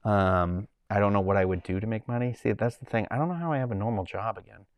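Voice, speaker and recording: A fast-talking man with a lowish voice and a Boston accent hosts a casual livestream from home, rambling as he reads the chat. There's no echo in the sound.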